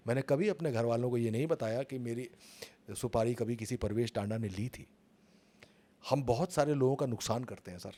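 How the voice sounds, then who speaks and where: A man's voice: medium pitch, darkish tone. Emphatic middle-aged man telling stories. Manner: dramatic, emphatic storytelling. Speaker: journalist and author. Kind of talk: storytelling interview talk.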